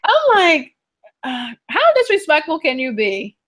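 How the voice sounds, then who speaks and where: A woman's voice: sits high, unhurried. A woman co-hosting a podcast, chatting casually and backing her partner with frequent agreement. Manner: relaxed, backchannels with frequent mm-hmms. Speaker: podcast co-host. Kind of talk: casual chat.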